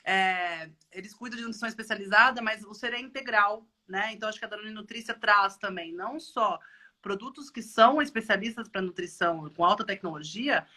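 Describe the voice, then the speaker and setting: A Brazilian woman hosting a casual online chat, lively and thinking aloud as she talks. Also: medium pitch, fairly quick. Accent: Brazilian Portuguese. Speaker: live stream host. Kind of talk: casual video-call chat.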